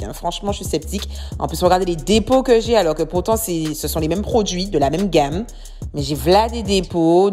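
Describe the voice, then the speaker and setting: Brief: woman hair vlogger, low voice, chatty and exclamatory, music underneath. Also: a little mellow. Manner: chatty, addresses viewers as sweeties, exclaims. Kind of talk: casual product review. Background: background music.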